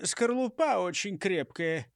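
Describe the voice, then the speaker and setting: A man's voice: high-pitched, lively intonation, slow pace, gravelly, no room sound, clean studio sound, voice pushed up, exaggerated voice. A man doing a constantly sneezing robber. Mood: sniffly. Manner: keeps sneezing. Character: sneezing sniffly male robber. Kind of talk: audiobook character voice.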